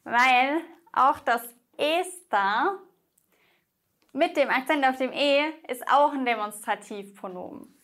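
A woman with a high voice teaches Spanish grammar, talking straight to the viewer. She goes slowly and carefully, stretching out each example word so it is easy to follow. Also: lively intonation, fairly bright tone. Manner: slow, careful explanations with drawn-out example words; talks directly to the viewer. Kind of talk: explaining Spanish grammar in German.

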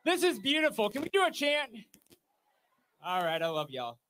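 A man speaks as an organizer at a rally. His voice is raised extremely high in pitch. He delivers slogans and declarations in a shouting, repetitive style. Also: wildly swooping pitch, normal speed, a little hiss or hum. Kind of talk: rally speech with chanting.

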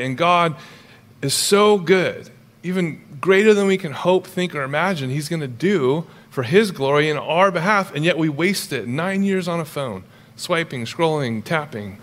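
A middle-aged male pastor preaching a sermon in a lively, conversational way with humorous asides. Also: a little high, measured pace.

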